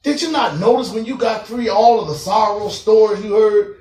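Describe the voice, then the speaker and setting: A man preaching to a group of parolees, animated, laughing and acting out voices as he goes. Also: sits high, normal speed, faint music behind. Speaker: prison minister. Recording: echoey room, mic far off.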